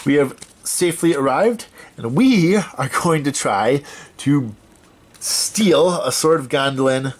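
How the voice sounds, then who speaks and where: A man's voice: a little high, lively intonation, slow pace. A man hosting a let's-play of a solo card game, thinking aloud as he reads out card text and corrects himself as he goes.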